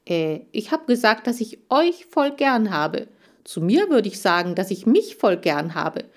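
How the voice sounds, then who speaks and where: A woman voicing a cheerful young male hamster in an audiobook, excitable and warm toward his friends. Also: lowish voice, normal speed. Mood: eager. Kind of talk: audiobook character voice.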